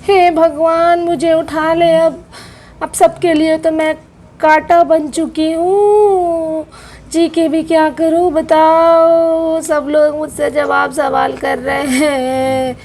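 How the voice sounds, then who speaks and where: A woman's voice: level tone, slow, darkish tone. A woman voicing a bitter, dramatic middle-aged aunt who scolds and wails in a doll-play soap drama. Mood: complaining. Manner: shrill, wailing complaints.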